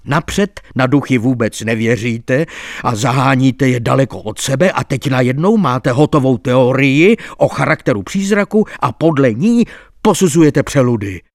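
A man's voice: mid-range voice, expressive, no room sound, close to an everyday voice. A man reading an insistent, earnest doctor. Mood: impatient. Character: agitated male doctor telling a ghost story. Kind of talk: audiobook reading.

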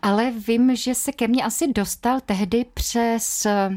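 A middle-aged woman, an actress and dubbing artist, chatting in a radio interview and telling stories with quoted voices. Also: a little high. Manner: chatty, lively storytelling with fillers and quoted voices. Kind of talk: conversational interview.

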